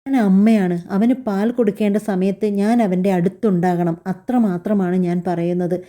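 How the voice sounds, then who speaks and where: A woman voicing a young new mother who speaks softly and with restraint but stays firm. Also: mid-range voice, steady tone, normal speed, close to an everyday voice. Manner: soft, restrained.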